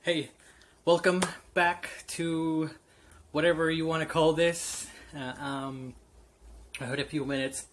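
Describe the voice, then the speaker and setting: A fairly high, bright-toned voice belongs to a vlogger in his late twenties who takes it slowly, keeping a level tone as he rambles candidly through a personal story to camera with frequent fillers and restarts. Some hiss or hum is audible.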